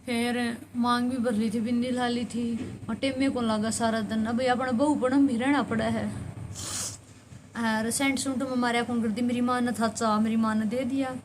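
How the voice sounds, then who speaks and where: A woman's voice: on the high side, little pitch movement, normal speed, background noise. Haryanvi woman, rambling earnest storyteller. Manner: earnest, rambling retelling with repeated phrases. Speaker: vlogger. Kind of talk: personal storytelling.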